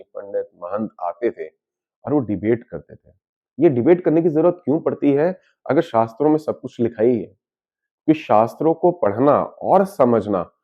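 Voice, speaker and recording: A man's voice: mid-range voice, dull audio. A man, an astrologer, giving an explanatory spiritual talk. He mixes English terms into his speech and often poses questions and answers them himself. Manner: switches freely between Hindi and English.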